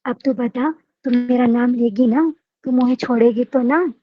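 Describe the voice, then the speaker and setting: A woman's voice: a little high, a little slow, no room sound, lo-fi sound, faint music behind. A woman voicing a deity who speaks through a possessed older male priest, coaxing and tender, repeating his questions.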